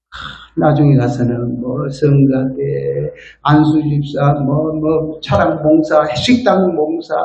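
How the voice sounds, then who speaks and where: An older man, a guest elder, preaching a lively revival sermon from the church floor. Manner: lively, acts out quotes with big pitch swings. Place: church sanctuary floor, not the pulpit. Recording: roomy, dull lo-fi church recording.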